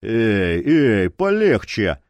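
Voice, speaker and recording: A man voicing a menacing, bloodied male cult leader who talks down to others in a slow, drawling, condescending way, read as part of an audiobook. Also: mid-range voice, big pitch swings, a little mellow, dry recording, close to an everyday voice. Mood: mocking.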